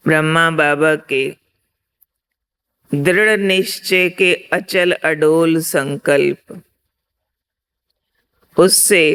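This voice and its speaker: Very slow, clear-voiced woman teacher. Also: low voice, fairly bright tone. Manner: slow, deliberate, checks in with listeners. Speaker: spiritual teacher. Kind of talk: spiritual discourse with storytelling.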